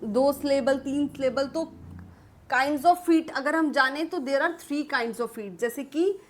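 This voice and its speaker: A young woman teaching English literature in a patient classroom-style lecture, slowly reading English definitions and explaining them. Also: high-pitched, slight background noise. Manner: explains patiently, calls students "beta", slow English read-outs.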